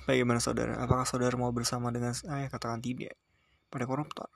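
A rousing male party orator declaims to a crowd in a storybook reading, voiced by a man. His voice is gravelly and the delivery pushes forward fast. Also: mid-range voice, level tone, dry recording, studio quality.

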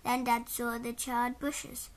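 A woman narrating a children's storybook in a measured, clear way. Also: fairly high pitch, flat delivery.

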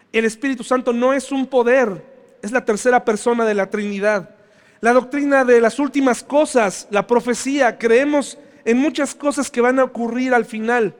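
High-voiced pastor preaching in a reverberant church. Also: male voice. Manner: conversational, asks the congregation questions. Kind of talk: sermon.

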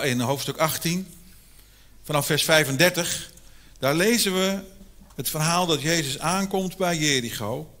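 A man preaches a Sunday sermon in a church, retelling a Bible story with lively storytelling energy. His voice sits high and sounds bright and sharp.

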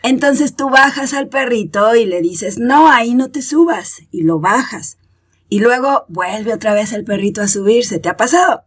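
A woman's voice: mid-range voice, expressive, normal speed, slightly rough. A woman, a parenting expert explaining her ideas in a podcast conversation and acting out examples in quoted voices.

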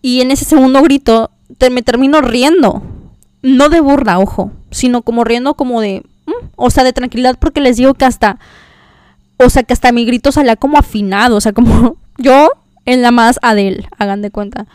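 A woman's voice: fairly high pitch, moderate pace, a little mellow, clear, resonant tone, no room sound. A young woman, hosting a podcast and telling a personal story in a chatty, confiding way with many fillers. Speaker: podcast host. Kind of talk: casual storytelling chat.

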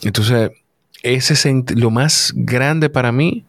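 A man in his thirties, a guest in a casual chat, speaks in a mid-range, creaky voice with no room sound. He talks haltingly and emotionally, repeating himself.

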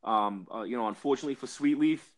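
A cannabis industry guest from Massachusetts with a Boston accent talks at a quick pace in a mid-range voice. He tells an industry story during a casual podcast chat, with plenty of fillers and restarts.

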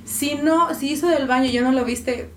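A woman's voice: sits high, moderate pace, recorded from a distance. A woman with a Mexican Spanish accent, a podcast guest explaining dog care emphatically and checking that she is understood. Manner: emphatic, asks "¿sí me explico?". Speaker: veterinary guest. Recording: echoey room with faint noise.

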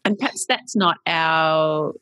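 A woman's voice: sits low, takes it slowly, sharp tone, clear, resonant tone, no room sound. A woman hosting a podcast interview, asking thoughtful, meandering questions in a conversational way. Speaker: podcast host.

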